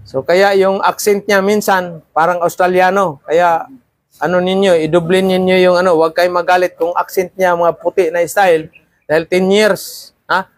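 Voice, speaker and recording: A man's voice: high-pitched, flat delivery, normal speed, dry recording. A man teaching a class of seafarer trainees, lecturing and often checking in with "ha?" and "di ba?". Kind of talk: classroom talk.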